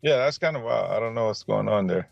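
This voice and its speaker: A man's voice: lowish voice, animated, quick pace, gravelly. A man hosting a casual livestream, chatting loosely with lots of swearing and laughter. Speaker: stream host. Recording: dull lo-fi mic, music behind.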